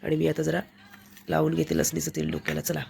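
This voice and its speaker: Brief: woman vlogger, Konkan Marathi accent, brisk chatter to a phone camera. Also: sits low, completely flat delivery, gravelly, mellow, slight background noise. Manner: chatty, shows things to the camera. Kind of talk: casual daily vlog narration. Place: family home, indoors.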